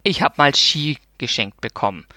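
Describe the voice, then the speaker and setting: A woman reading a story and voicing a grumpy older man who speaks slowly and gruffly. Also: a bass voice, animated, pushed and bright, dry recording, studio quality, heavily acted. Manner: slow, gruff muttering.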